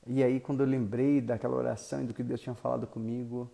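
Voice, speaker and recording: A male pastor, telling a story in an animated sermon that swings from loud to soft. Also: mid-range voice, fast, creaky.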